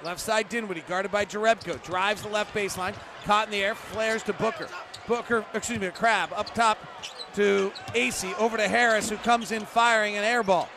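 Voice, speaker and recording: A man doing live basketball play-by-play, in clipped running descriptions that burst into excited calls. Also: high voice, moderate pace. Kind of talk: live game commentary. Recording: noisy arena sound. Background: gym noise, bouncing basketball.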